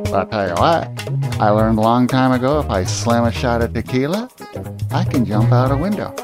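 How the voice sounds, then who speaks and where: A man's voice: medium pitch, animated, brisk, music in the background, close to an everyday voice. A man voicing a drunk, slurring man at a bar as he tells a joke. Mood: boastful. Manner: slurred, casual.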